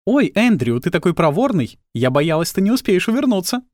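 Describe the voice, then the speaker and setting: A flirtatious wealthy woman, put on by a male reader, speaks in a raised, bubbly voice full of exclamations. Her lines bounce up and down with lively swings. The sound is close and dry. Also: sits high, a little fast, no echo, voice pushed up. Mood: playful. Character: cheerful flirty wealthy middle-aged woman.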